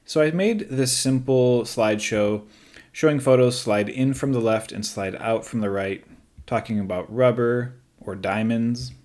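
A man who is a teacher, calmly talking through a screen-recorded software tutorial step by step, with light joking asides. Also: mid-range voice, a little slow.

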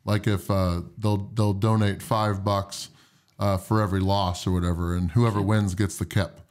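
A man's voice: on the low side, little pitch movement, normal speed, a little mellow. A man chatting casually as a podcast guest, easygoing and jokey, laughing often. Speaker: guest, competitive eater. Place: podcast studio.

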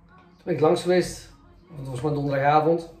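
Male journalist, candid first-person storyteller; dark mellow tone, echoey room. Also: fairly high pitch, fairly even intonation, fairly quick. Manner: candid, reflective retelling, acting out both sides of arguments. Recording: roomy echo, faint music.

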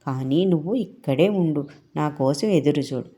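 A woman's voice: low voice, normal speed, mellow, husky. A woman voicing a kind green frog in a children's story, asking with concern and offering help. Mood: caring. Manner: caring, reassuring.

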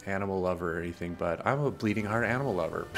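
A man hosts a let's play in a loose, rambling commentary, teasing himself and talking back to the characters on screen. His voice is deep and gravelly, and he takes his time. Faint music plays behind him. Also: lively intonation, fast talker. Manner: rambling and self-deprecating, talks to the game characters. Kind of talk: casual gameplay commentary.

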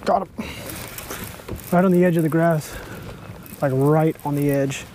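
A young man, chatting excitedly from a bass boat on a lake while he fishes and films himself on an action camera. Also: unhurried, noisy background. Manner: excitable, chatty, lots of exclamations. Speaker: fishing vlogger. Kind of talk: casual outdoor chat while fishing. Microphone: action camera mounted on the boat.

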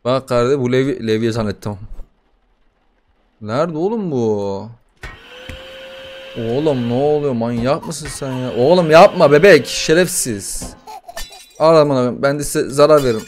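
A young man doing casual gaming commentary, excitable and profane, bantering with the game as he plays a horror title. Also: medium pitch, moderate pace, long pauses, slight background noise. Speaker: gaming YouTuber.

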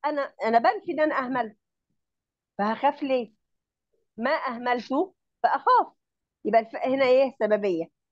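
Egyptian woman, online grammar tutor, slightly high voice, patient step-by-step explainer who checks understanding, muffled call audio. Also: very fast, dry recording. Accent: Egyptian Arabic. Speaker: Arabic grammar teacher.

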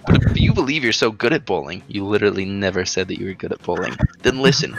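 Gravelly, bright-voiced man playing games. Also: mid-range voice. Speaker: player reading game text aloud. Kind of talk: casual group let's play, reading dialogue aloud.

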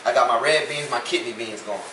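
A man's voice: mid-range voice, a little fast, pushed and bright. Laid-back young man with a Louisiana accent. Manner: joking, laid-back, teasing. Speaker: cooking vlogger. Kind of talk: casual cooking vlog. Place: home kitchen, indoors. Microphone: phone camera on the counter. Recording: echoey kitchen with background noise.

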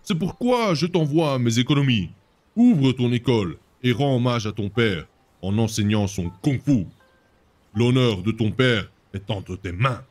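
A man voicing a dignified uncle in a game, reading his letter slowly and evenly. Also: medium pitch, expressive, a little mellow, faint music behind, voice pushed down. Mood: measured. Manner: slow, measured reading.

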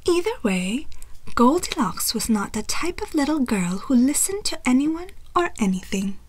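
A woman reading a picture book aloud as a storyteller, expressive and wry with deliberate emphasis. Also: high voice, no echo, poor audio.

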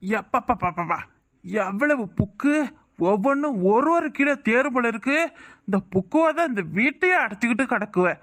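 A man's voice: extremely high pitch, animated, normal speed, fairly bright tone. A man voicing a drunk, scheming village father in a cartoon, with a southern Tamil Nadu accent, talking in a slurred, wheedling drawl. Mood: greedy. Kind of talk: cartoon voice acting.

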